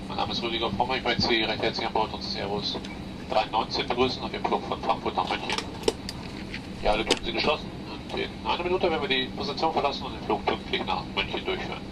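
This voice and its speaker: A fairly low-voiced man makes a quick, formal captain's announcement from the cockpit headset. His voice comes from a distant cabin loudspeaker, half buried under loud, constant engine roar. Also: very noisy. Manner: formal, polite, routine. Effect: captain speaking from the cockpit headset over the cabin loudspeaker. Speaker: airline captain. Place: inside an airliner cabin.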